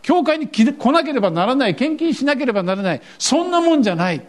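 A man's voice: extremely high pitch, very animated, fast talker. An older man preaching a sermon as pastor, asking his congregation questions and acting out the voices he quotes.

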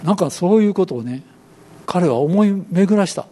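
With a Kansai Japanese accent, this pastor in his eighties tells stories from the pulpit in a relaxed, folksy way, performing the quoted voices himself. He sounds high-pitched, expressive and mellow, over a slight hiss or hum.

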